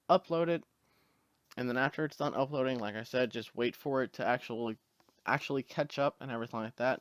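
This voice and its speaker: A man with hiccups talks a viewer through a gaming tutorial, one step at a time, with an easy, unhurried manner and casual fillers. His voice is smooth and clear, and the recording is dry and close. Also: mid-range voice, no room sound. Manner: relaxed step-by-step instructions with fillers. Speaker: tutorial host.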